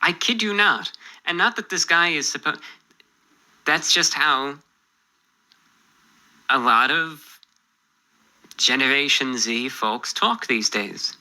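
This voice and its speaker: A man speaking in a calm, understated, mildly bemused way in a casual monologue, answering viewer emails as a YouTuber. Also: fairly high pitch, takes it slowly, long pauses, poor audio.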